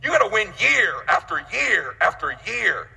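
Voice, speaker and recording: A man's voice: sits high, sing-song, unhurried, vocal fry, bright, forceful tone, breathy edge, in a large hall, rough recording. A man in his late forties giving a blunt, intense motivational speech on sales, swearing freely as he preaches. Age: 40s.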